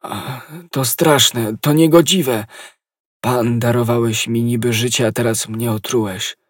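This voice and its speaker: A man's voice: mid-range voice, fairly even intonation, a little slow, breathy edge, no room sound, studio quality. A man voicing a dying, gasping soldier. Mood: anguished. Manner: gasping, moaning, accusing. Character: dying poisoned male soldier, bitter. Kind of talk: audiobook reading.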